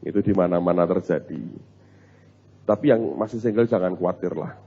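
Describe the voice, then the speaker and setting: A male pastor, preaching in an animated, humorous storytelling way and talking straight to his congregation. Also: deep voice, brisk, slightly rough. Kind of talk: storytelling sermon. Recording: muffled recording in a reverberant hall.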